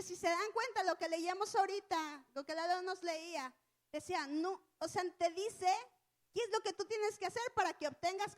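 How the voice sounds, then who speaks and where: A woman teaches a church lesson in a loose, conversational way. Her voice sits very high, and she weaves a personal story through it with colloquial asides.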